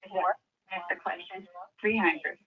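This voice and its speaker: A woman's voice: on the low side, fairly even intonation. Older woman on a muffled phone line. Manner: slow, plain answers, often asks to repeat. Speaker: homeowner selling a house. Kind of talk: phone conversation. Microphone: phone call.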